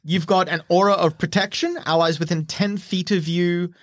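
High-voiced man as game master. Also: steady tone, normal speed, dry recording, clean studio sound. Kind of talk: casual tabletop game chat, explaining rules.

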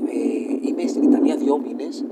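A man in his thirties, a former footballer, casually telling stories about his career in an interview at a stadium. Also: on the high side. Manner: relaxed, chatty, speeds up when telling anecdotes. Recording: distant mic, loud outdoor traffic noise.

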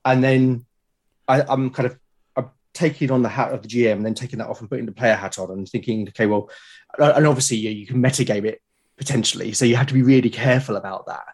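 This podcast guest, a British man who makes a solo role-playing show, speaks in a conversational interview with a darkish, husky tone at typical male pitch. Thoughtful and hesitant, he keeps breaking off and beginning phrases again as he walks through his working process.

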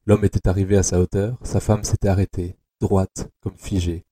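A man narrating an audio adaptation of a dark novel in a slow, measured, tense way. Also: deep voice, level tone, a little hiss or hum.

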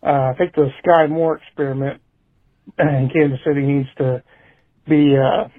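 A man's voicemail played back over a thin, phone-like line, dry and close with no room around him. He talks in a flat, level way, blunt and casual. His pitch sits a bit high for a man. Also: measured pace, no room sound. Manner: blunt, swears casually, shrugging. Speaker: caller. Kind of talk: casual call-in rant.

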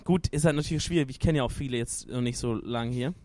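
A man's voice: mid-range voice, fast, darkish tone, no echo. A man in casual group chat at a gaming event, hesitant and searching for words, with lots of fillers. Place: noisy event hall at a gaming party.

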